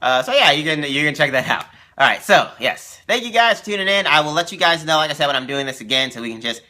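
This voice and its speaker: A man's voice: a little high, lively intonation, fast talker, pushed and bright. A young man hosting a casual live stream for his gaming channel, rambling with lots of fillers and repeating himself. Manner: eating while talking.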